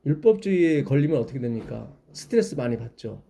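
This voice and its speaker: A man's voice: medium pitch, big pitch swings, fast talker, creaky, dark tone, a little hiss or hum. A man leading a Bible study, explaining patiently and asking his listeners questions.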